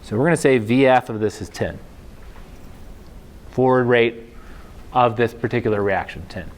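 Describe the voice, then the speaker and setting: A man's voice: medium pitch, moderate pace. A man giving a university lecture in a casual, chatty way, often checking in with the class and drifting into joking asides. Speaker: professor.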